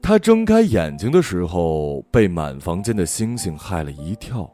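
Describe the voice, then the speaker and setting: A man reads a novel aloud in a gentle, expressive storytelling manner. His voice sits low, and his pitch moves through a lively range. Faint music plays softly beneath the narration. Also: moderate pace. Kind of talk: audiobook narration.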